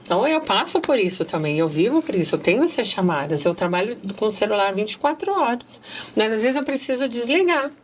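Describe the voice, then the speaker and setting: A woman's voice: a little high, big pitch swings, brisk, slight background noise. A middle-aged woman with a Brazilian accent, speaking earnestly as a guest, reading passages aloud and addressing listeners directly.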